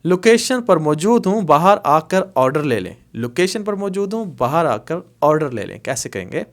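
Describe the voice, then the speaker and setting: A man's voice: a little high, very animated. Man teaching phrases, checking in often. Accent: Pakistani Urdu. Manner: repeats phrases slowly and checks in with "okay?". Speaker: Arabic language teacher. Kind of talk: casual spoken language lesson.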